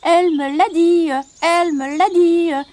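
A woman voicing a small croaking frog that excitedly tells on someone, in a high, repetitive voice. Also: unhurried, no echo. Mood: gleeful. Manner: high, excited, repeating itself. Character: small hopping croaking frog, gleeful tattletale.

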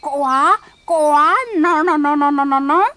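A woman voicing a small croaking frog that excitedly tells on someone, in a high, repetitive voice. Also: slow pace, no room sound, exaggerated voice. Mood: indignant. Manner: high, excited, repeating itself. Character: small hopping croaking frog, gleeful tattletale.

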